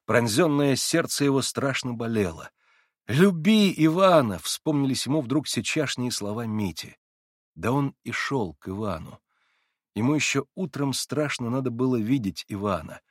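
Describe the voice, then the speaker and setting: A man narrating a classic novel as an audiobook in a measured, somber literary reading. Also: medium pitch, no echo, clean studio sound.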